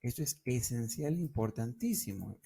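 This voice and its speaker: A man's voice: medium pitch, animated, moderate pace, gravelly, mellow, breathy edge. Man explaining grammar rules in Spanish. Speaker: co-teacher.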